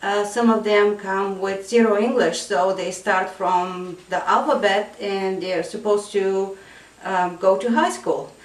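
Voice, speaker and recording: Earnest and thoughtful, an English teacher for refugees and immigrants chats as an interview guest, filling pauses with ums. She talks in an unhurried mid-range voice, her sound echoey and distant, as if a bit away from the mic.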